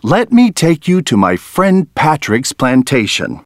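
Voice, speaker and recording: A welcoming, bright-eyed woman vanilla grower from a picture book, read by a man. Her lines rise and fall gently and are unhurried. The sound is close and dry. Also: on the high side, wildly swooping pitch, dry recording, heavily acted.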